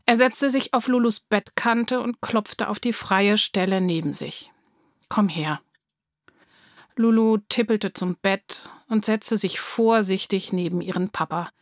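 A woman reading a children's book aloud with lively, expressive storytelling. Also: mid-range voice, dry recording, studio quality. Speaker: narrator.

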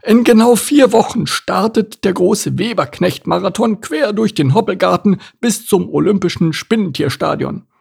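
Very high-pitched voice, pompous harvestman spider, loud proclaiming, gravelly. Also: normal speed, few pauses, full character voice. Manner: loud, self-important proclaiming. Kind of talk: children's audiobook acting.

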